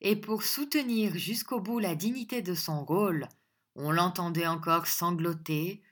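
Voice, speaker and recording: A woman narrating a classic novel aloud in steady, measured storytelling. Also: lowish voice. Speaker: audiobook narrator.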